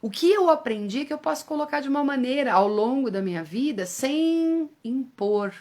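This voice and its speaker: Female speaker, middle-aged, fairly high voice, chatty coaching talk. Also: normal speed. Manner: lively, addresses group with "gente" and "tá?". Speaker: self-development speaker. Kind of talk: casual talk to an audience.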